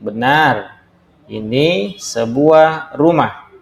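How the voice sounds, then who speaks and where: A man's voice: mid-range voice, expressive, gravelly, echoey room. A man teaching beginner's Arabic from a textbook in a casual lesson, explaining step by step and drawing out each word as he demonstrates it. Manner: slow, drawn-out demonstration of words.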